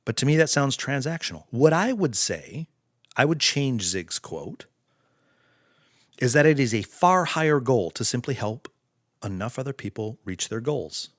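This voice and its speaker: A male podcast host giving an earnest, preachy motivational monologue in slow, deliberate phrases. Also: mid-range voice, big pitch swings, dry recording, clean studio sound.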